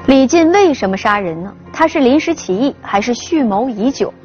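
A female true crime narrator with a high and very expressive voice. She delivers scripted narration with dramatic questions. Faint music sits behind her in a slightly muffled recording. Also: normal speed. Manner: dramatic, poses rhetorical questions. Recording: dull sound with faint music. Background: faint background music.

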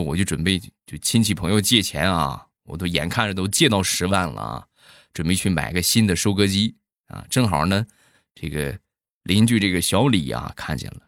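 A middle-aged man telling comic stories, with drawn-out trailing sounds. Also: low voice, no room sound, clean studio sound. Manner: animated, drawn-out trailing 'ah's. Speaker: comedian storyteller. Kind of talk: comic storytelling monologue.

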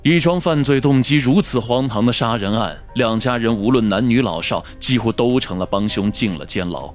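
A man's voice: mid-range voice, normal speed, faint music behind. A man narrating a scripted true crime story in the dramatic manner of a storyteller.

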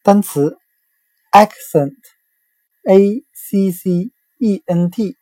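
A woman teaches a vocabulary lesson, spelling each word out letter by letter. She talks slowly in a low, mellow voice. The sound is dry and close. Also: no room sound. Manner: slow, deliberate spelling out letter by letter.

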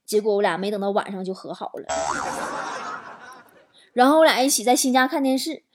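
A woman talk show host, telling stories in an animated, exaggerated comic monologue. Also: a little high, brisk, background noise. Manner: animated, exaggerated storytelling with swearing and laughter. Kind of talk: comedic monologue.

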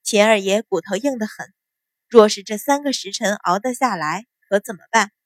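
A woman voicing a composed young noble lady who speaks in a cool, measured way. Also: mid-range voice, no echo, clean studio sound, close to an everyday voice.

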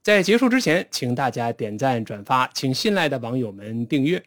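A man teaching spoken English, patiently explaining pronunciation and modelling phrases slowly. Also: mid-range voice, big pitch swings.

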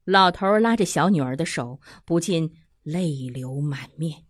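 A woman narrating a traditional children's story in an expressive storyteller's voice. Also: low-pitched, a little slow, husky, no room sound, studio quality. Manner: expressive and animated.

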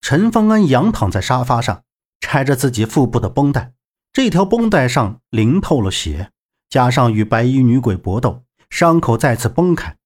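Delivering an audiobook of a novel, this man uses an expressive storytelling style at a medium pitch and a normal pace.

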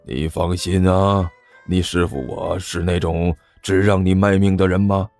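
A low, gravelly old master, as a male storyteller puts him on, slow and drawn-out as he coaxes and soothes his hotheaded disciple. His rough, deep tone rides over faint background music in a storybook reading. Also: steady tone, a little mellow. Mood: coaxing. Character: older male sect master, sly and coaxing. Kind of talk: storytelling narration with character voices.

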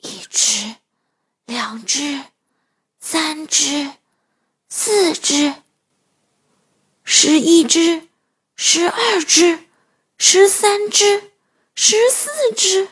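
Storybook grey wolf, greedy and gleeful, bouncy lively voice, a woman putting him on. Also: high-pitched, measured pace. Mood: whispering count. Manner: gleeful, chuckling to himself. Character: cheerful greedy big grey male wolf.

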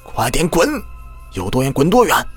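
A man voicing an angry old village exorcist who shouts and scolds. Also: fairly low pitch, sing-song, fast talker, husky, soft background music, exaggerated voice. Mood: scolding.

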